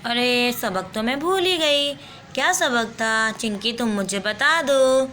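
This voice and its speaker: Woman voicing a scared little girl doll, whiny, pleading, high bright voice. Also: slow, a little hiss or hum. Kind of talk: doll play story acting.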